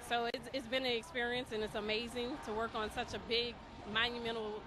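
A woman's voice: a little high, level tone, fairly quick, background noise. A young woman, an employee, answers an interview enthusiastically outdoors at an event, into a handheld mic. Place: outdoors at an open-air event.

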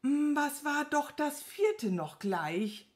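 A woman reading a children's story aloud, voicing a cheeky young man who plays dumb in a drawn-out, confused way. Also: sits high, expressive, pitched above the performer's own voice. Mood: innocent. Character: cheeky young male puppet hero playing dumb.

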